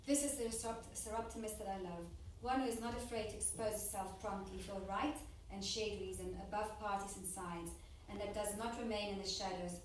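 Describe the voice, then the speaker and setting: A woman interpreting a formal speech, rendering it phrase by phrase in a steady, plain way with small restarts. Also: medium pitch. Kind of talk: consecutive interpretation into English. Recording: echoey hall, distant mic, faint noise.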